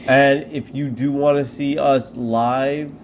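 A man's voice: mid-range voice, fairly even intonation, takes it slowly, a little hiss or hum. Joking man co-hosting a podcast. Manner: playful, joking and rambling. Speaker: podcast co-host. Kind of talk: casual chat.

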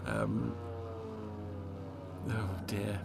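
A man's voice: on the low side, flat delivery, very slow, creaky, music in the background. A man hosting a casual episode commentary in a wry, rambling, hesitant way. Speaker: host.

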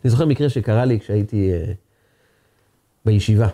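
A man's voice: fairly low pitch, warm tone. A man giving an earnest sermon as a rabbi, acting out quoted speech as he teaches.

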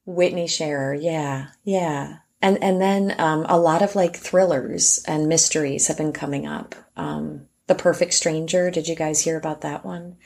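Animated woman audiobook narrator, low-pitched. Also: measured pace, gravelly, hardly any pauses. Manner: animated, laughing storyteller. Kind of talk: casual podcast chat.

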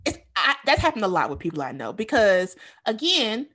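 Animated bright-voiced woman in frank chat. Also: mid-range voice, brisk, husky. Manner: animated, laughs loudly, frank and profane. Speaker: podcast co-host. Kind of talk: candid casual chat.

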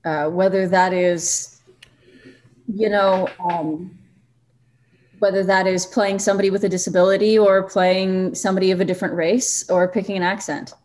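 A woman with a mid-range voice speaks in a casual panel discussion. She is thoughtful and measured, working through her reasoning one step at a time. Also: medium pitch, flat delivery, darkish tone.

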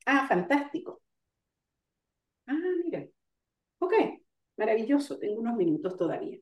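A woman giving an online lecture on coaching, explaining ideas step by step and pausing with fillers to gather her thoughts. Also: fairly high pitch, lively intonation. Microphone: video call. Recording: roomy sound, far from the mic.

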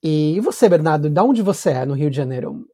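A man from São Paulo with a São Paulo accent, hosting a relaxed chat for language learners and asking clear, measured questions. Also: on the high side. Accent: Paulistano Brazilian Portuguese. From São Paulo, Brazil. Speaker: podcast host.

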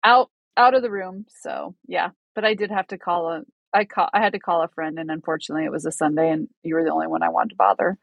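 On the low side and creaky, this woman's voice has fairly even intonation, a quick pace and few pauses. As a podcast co-host she keeps things casual, rambling with restarts and laughing self-deprecatingly at her nerves. The recording is dry and muffled.

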